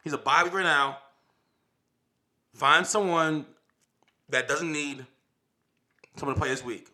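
A man co-hosting a casual fantasy football chat, animated and emphatic, joking as he argues his picks. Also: fairly high pitch, unhurried.

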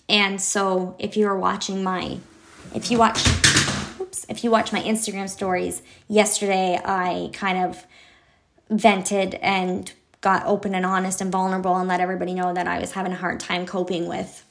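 A woman's voice: medium pitch, a bit bright. A woman, probably in her thirties, speaks candidly in a casual vlog, reflecting as a mother with fillers and restarts. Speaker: mother and vlogger. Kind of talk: casual personal vlog talk.

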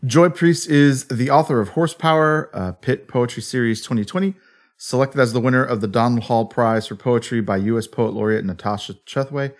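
A man's voice: mid-range voice, brisk. Laid-back male podcast host. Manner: laughing, playful banter with frequent restarts. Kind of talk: casual chat and reading a bio. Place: office in a house.

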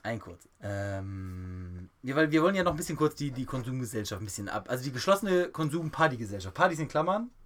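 A man co-hosting a podcast in casual banter, rambling and joking as he talks. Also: fairly quick. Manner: rambling, joking, lively swings in pitch. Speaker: podcast co-host.

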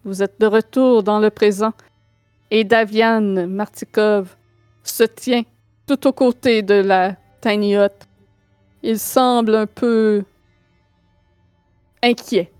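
A woman acts as game master, narrating scenes slowly. Her voice is recorded dry, with soft music underneath. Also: medium pitch, steady tone, smooth, no room sound. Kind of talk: narrating a tabletop role-playing game.

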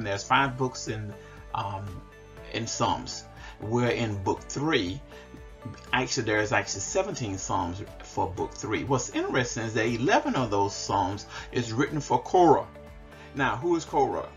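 A man teaching a Sunday School lesson, reading scripture slowly and explaining it verse by verse with frequent restarts. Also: mid-range voice, lo-fi sound.

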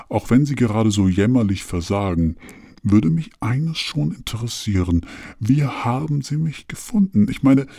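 An actor playing a fat, smug male villain who speaks with mocking politeness in a husky voice. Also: lowish voice, mellow, no room sound, clean studio sound, full character voice. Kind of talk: audio drama acting.

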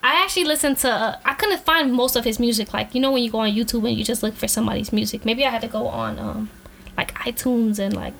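A woman's voice: a little high, fast talker, vocal fry, fairly bright tone, a little hiss or hum. A woman co-hosting a casual podcast chat, talking in a laid-back, slangy way and laughing often. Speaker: co-host.

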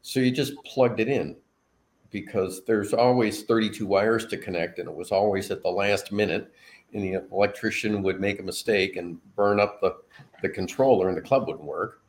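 A man with a low voice explains technical details in a casual way. He is halting and keeps repeating words as he looks for the right term. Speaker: guest panelist.

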